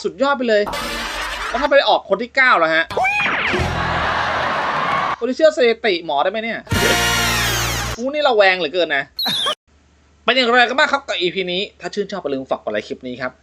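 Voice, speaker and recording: Lively joking man with music behind. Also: high voice, brisk, long pauses. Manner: crude joking banter, laughing often. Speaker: comedy channel host. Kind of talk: casual comedic commentary.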